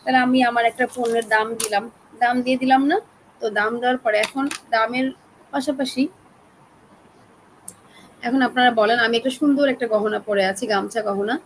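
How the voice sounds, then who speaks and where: A woman with a Bangladeshi accent teaching an online class, chatty and coaxing, keeping her voice soft to spare her throat. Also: fairly high pitch, steady tone, moderate pace, pauses often, slight background noise, poor audio. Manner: chatty, coaxing, talks straight to learners.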